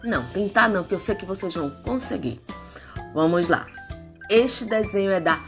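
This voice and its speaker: A woman's voice: mid-range voice, over music. A woman teacher leading a phonics lesson for young children, stretching out syllables and coaxing them to answer. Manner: slow, drawn-out syllables, animated coaxing.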